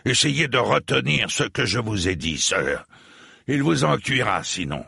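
A man's voice: medium pitch, big pitch swings, unhurried, gravelly, pushed and bright, slightly rough, dry recording, clean studio sound, voice pushed up, exaggerated voice. A man voicing a stern, proud lord in a storybook reading, talking in a cold, clipped and threatening way. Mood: menacing.

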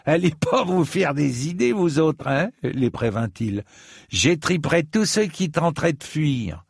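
A man reading a story and voicing a coarse, menacing knight who jeers loudly. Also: a little high, animated, a little slow, vocal fry, husky, no echo, clean studio sound, voice pushed up, full character voice. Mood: jeering.

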